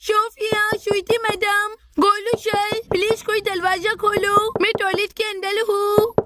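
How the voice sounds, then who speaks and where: A woman's voice: very high-pitched, little pitch movement, measured pace, very noisy. A woman voicing a frightened little schoolgirl doll in a storybook, talking in an anxious, pleading way and calling out again and again. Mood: worried, pleading. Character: scared little schoolgirl doll locked in a toilet.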